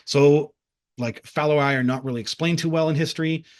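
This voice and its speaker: A man's voice: fairly high pitch, steady tone, brisk. A man casually recounting a vision in a rambling monologue, full of restarts and fillers, sometimes acting out crowd voices. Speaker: speaker recounting a past-life vision.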